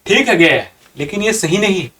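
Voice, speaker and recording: High-voiced Indian man teaching grammar. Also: animated, pushed and bright, far from the mic. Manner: reads example sentences slowly, then explains with repeated rhetorical questions. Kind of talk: grammar lecture.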